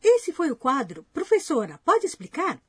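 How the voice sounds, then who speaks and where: A woman's voice: high voice, wildly swooping pitch, moderate pace, faint music behind. A woman co-hosting a language course, reading scripted lines and asking curious questions. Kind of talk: scripted lesson dialogue.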